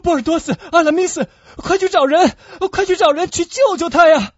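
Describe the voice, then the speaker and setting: A man's voice: high voice, very animated, normal speed, mellow, husky, no room sound, voice pushed up, full character voice. A man voicing a hot-blooded young swordsman, crying out in urgent pleading. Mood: frantic. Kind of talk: Chinese radio-play acting. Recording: dull lo-fi dry recording.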